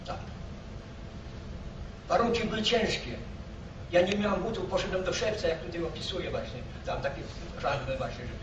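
An elderly man from Poland, a war veteran, recalling his past in a halting, rambling way, repeating himself and breaking off words. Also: high voice. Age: elderly, 80s or older. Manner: old man's halting, repetitive storytelling with broken-off words. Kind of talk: rambling spoken reminiscence. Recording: roomy, muffled, noisy, distant microphone.

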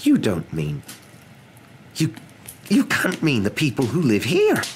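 Guy doing an older witch professor, pitched way up, stern but rattled, swoopy, storybook reading. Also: wildly swooping pitch, slow, a bit bright, slight background noise, heavily acted. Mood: appalled. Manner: faltering, emphatic, indignant.

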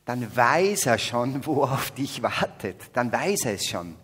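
An older man from the Salzburg region with an Austrian accent, giving a spiritual talk at a faith festival, joking with the audience and swinging between loud exclamations and hushed whispers. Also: medium pitch, big pitch swings, unhurried, husky. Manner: humorous, addresses audience directly. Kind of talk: spiritual talk to young adults. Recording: long hall reverb.

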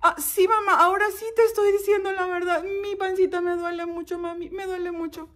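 A woman's voice: extremely high pitch, little pitch movement, fairly quick, voice pushed up. A woman voicing a small child whining to mom about a tummy ache. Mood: whiny. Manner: whiny, pleading.

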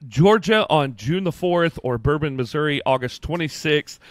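A man co-hosts a podcast with a friendly, loose, rambling way of talking. His voice sits on the higher side. The sound is dry and close, with no room echo. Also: lively intonation, normal speed. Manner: friendly, rambling, announcing events. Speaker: podcast co-host. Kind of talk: casual podcast chat.

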